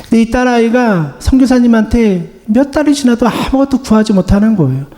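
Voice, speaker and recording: A man preaching a gentle sermon as pastor, voicing the Lord's comforting words to the congregation. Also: very high voice, animated, brisk. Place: church sanctuary. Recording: long church reverb.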